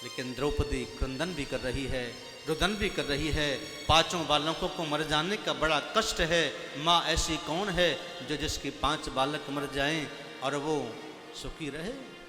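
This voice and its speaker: A dramatic male preacher tells a religious story slowly and deliberately, in a fairly high voice. He acts out the characters and chants verses. The recording rings with a long hall reverb, and violin music plays clearly behind him.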